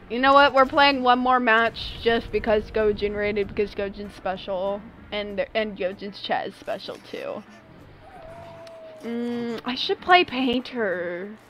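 A young woman streaming a game live, chatting casually with her viewers and breaking into sudden excited squeals. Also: mid-range voice, slight background noise, rough recording. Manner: excitable, talks to chat, sudden squealy outbursts.

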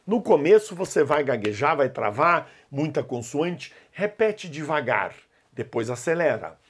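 A man with a slightly high, husky voice teaches an online language lesson. His pitch leaps around as he coaxes students to repeat after him. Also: unhurried. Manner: animated, coaxing students to repeat aloud. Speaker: Arabic teacher.

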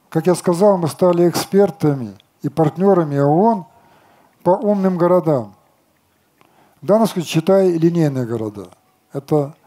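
An older man talking on an outdoor festival stage in a somewhat high but dark, mellow voice. He lectures with confidence and answers objections with rhetorical questions of his own. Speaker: company chief designer answering questions.

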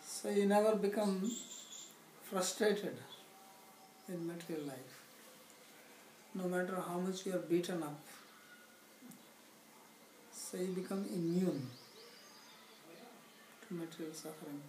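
Seated on a living-room sofa, a middle-aged spiritual teacher whose voice sits high with a darkish tone teaches scripture slowly and deliberately, mixing wry humor with recited Sanskrit verses. A camera records him from across the room, picking up echo and background noise.

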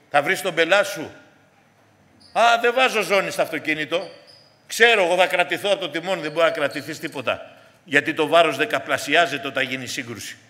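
A man's voice: a little high, pushed and bright. Earnest preacher man in a reverberant hall. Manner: earnest, addresses congregation as dear brothers. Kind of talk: sermon. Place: church hall.

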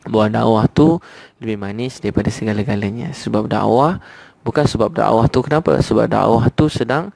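Gravelly Malaysian preacher man. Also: lowish voice, a little mellow, dry recording. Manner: earnest, storytelling, fillers like "ha". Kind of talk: religious sermon.

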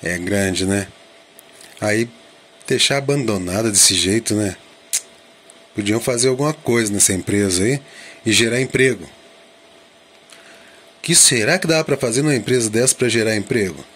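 A man's voice: on the low side, normal speed, pauses often, fairly bright tone, a little hiss or hum. A man giving casual drone vlog commentary, thinking aloud and asking himself questions in an informal way. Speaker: drone vlogger.

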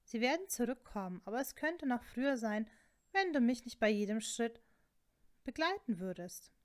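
A woman voicing a sharp-tongued, exasperated young witch who talks in a snappy, indignant way, in a storybook reading. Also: fairly high pitch, very animated, moderate pace. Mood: teasing.

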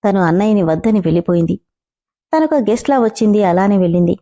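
A woman voicing a sharp-tongued, protective young woman who speaks indignantly, in a spoken storybook. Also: medium pitch, animated, quick pace, natural voice. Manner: indignant, heated.

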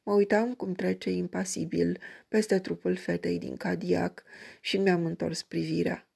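A woman reading a crime story aloud in an even, measured way. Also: on the low side, vocal fry, breathy edge. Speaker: audiobook reader.

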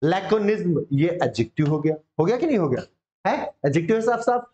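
A man's voice: high-pitched, sing-song, a little fast, mellow. A male English vocabulary teacher, drilling words with students in a casual, encouraging coaching-class manner. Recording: dull lo-fi sound.

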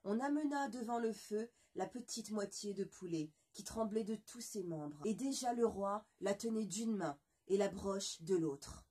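A woman storyteller reading a bedtime story aloud in a soft, expressive way and speaking fondly to children. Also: mid-range voice, measured pace, few pauses, husky.

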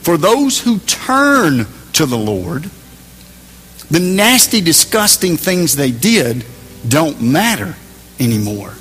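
A man preaching a sermon in a church, emphatic, moving between raised passages and hushed ones. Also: a little high, very animated, slow pace, big-room sound. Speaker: pastor.

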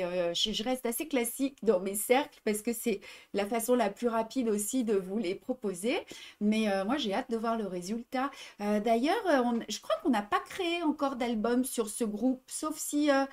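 Woman host with a French accent, slightly high voice, chatty livestream style, reads comments aloud. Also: darkish tone. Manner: chatty, reads out viewer comments, repeats herself in three languages. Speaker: embroidery shop host. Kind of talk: casual livestream chat.

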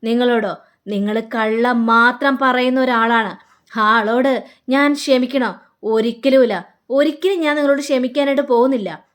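A woman's voice: a little high, moderate pace, lightly acted. A woman voicing a bitter wife who coldly accuses her husband and refuses to forgive him. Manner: cold, accusing.

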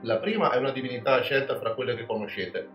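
A man's voice: mid-range voice, quick pace, dull audio. A man from Veneto, a podcast host delivering a scripted, ironic and self-mocking monologue. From Veneto, Italy. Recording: roomy sound with background music.

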